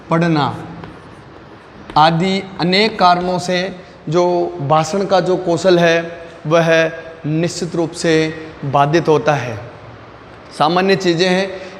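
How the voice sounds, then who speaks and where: A man teaching an exam-prep lesson, repeating key terms slowly word by word. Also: high-pitched. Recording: long reverb, faint noise.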